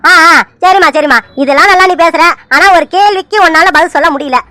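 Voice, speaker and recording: A woman voicing a teasing man who chats on the phone in an animated serial, full of mock fear and pleading. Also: extremely high pitch, fast, no echo. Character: man called Surya sir on the phone, teasing. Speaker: cartoon character.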